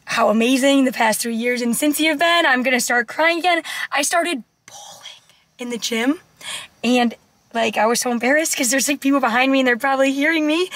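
A bubbly woman, chatting straight into her phone camera for a casual vlog. Her voice sits high, and the echoey room sound rings around her words. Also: fairly bright tone. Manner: bubbly, chatty, full of "like" and "you guys". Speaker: vlogger.

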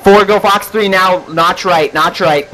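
Hotshot pilot guy, kinda high voice, clipped commands on game voice chat, radio chatter behind. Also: measured pace, low-quality recording. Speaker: flight element leader in multiplayer flight sim. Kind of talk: military radio brevity calls during gameplay. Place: online voice chat over a flight simulator.

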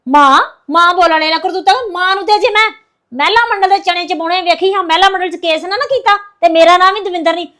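A woman acting a defiant young wife who talks loudly and scolds and threatens her husband. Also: extremely high pitch, quick pace. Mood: furious. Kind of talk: web drama acting.

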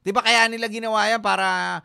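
A man's voice: high voice, steady tone, fairly quick, gravelly, sharp tone, clear, resonant tone. A man hosting a casual sports talk show, joking and teasing as he chats, mixing English into his talk.

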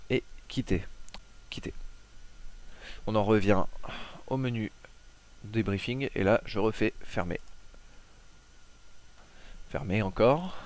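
Talking viewers straight through each step of a laid-back screen recording, this lowish-voiced man is hosting a tutorial. His relaxed narration hesitates often, peppered with "euh."

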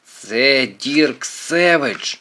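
A man's voice: medium pitch, lively intonation, very slow, pushed and bright, full character voice. A precise, bookish teenage boy with a fussy, lecturing way of talking, as a man reads him in an audiobook. The voice sits well above a grown man's and swings up and down as he explains things. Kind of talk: audiobook character voice.

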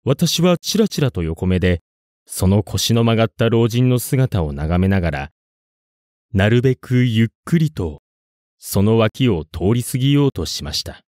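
A man narrating a scripted ghost story in a suspenseful, dramatic way, with deliberate pauses. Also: on the low side, big pitch swings, darkish tone, dry recording, clean studio sound.

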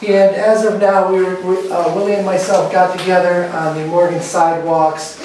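Standing in a small meeting room, a state representative reads a report from paper to a town board, with fillers and restarts. His voice is high-pitched and darkish in tone with little pitch movement at normal speed, captured by a far camera in a very echoey recording with a little hiss or hum.

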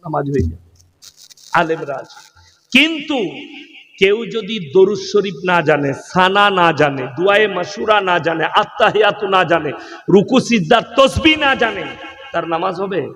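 A man's voice: sits high, animated, measured pace, a bit bright, long reverb tail. A man with a West Bengal accent giving a humorous sermon as a preacher, mocking his listeners and firing rhetorical questions at them. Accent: West Bengal (Bardhaman). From West Bengal, India. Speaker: Islamic preacher.

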